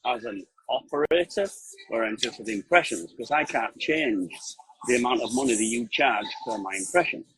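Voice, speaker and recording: A man with a mid-pitched voice joins a casual chat as a guest on a video call. He explains things emphatically, often asking a question and then answering it himself. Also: lively intonation, moderate pace, a bit bright, low-quality recording. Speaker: call-in guest, print production operator. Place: outdoors at a pub.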